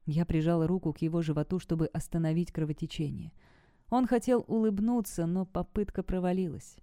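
A woman narrating a first-person story in an audiobook, with a steady, tense storytelling delivery close to a studio mic. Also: on the low side, a little fast, no echo.

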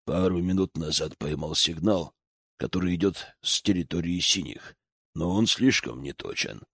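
A man doing a deep, businesslike male mage. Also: moderate pace, fairly bright tone, husky, no room sound, studio quality, heavily acted.

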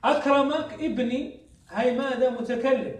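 A man's voice: extremely high pitch, moderate pace. A man teaching a classroom lesson on Arabic grammar, often asking a question and answering it himself. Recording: echoey room, mic far off.

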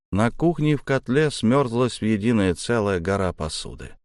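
Casting: man with a low voice narrating a dark audiobook, measured, dry studio sound. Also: no echo. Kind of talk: first-person audiobook narration.

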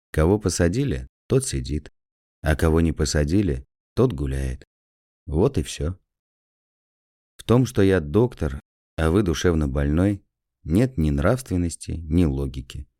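Gentle middle-aged doctor, male, soft and apologetic, warm dark tone, read by a man. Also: rumbling low, no echo, studio quality.

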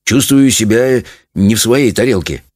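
A man voicing a pompous, self-important middle-aged father in a storybook reading, in a calm and stiff manner. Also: lowish voice, measured pace, no echo, clean studio sound. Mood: bewildered.

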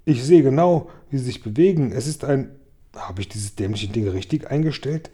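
A man's voice: mid-range voice, expressive, moderate pace, warm tone, slightly rough. A man voicing a blustering, befuddled ship captain in a storybook read-aloud, exclaiming and stumbling over his words. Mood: excited.

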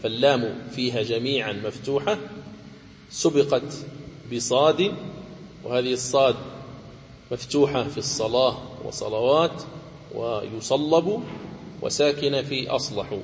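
A man teaching the rules of Quran recitation, explaining each rule step by step and chanting the example words slowly. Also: medium pitch, big-room sound, slight background noise. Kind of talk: tajweed lesson with chanted examples.

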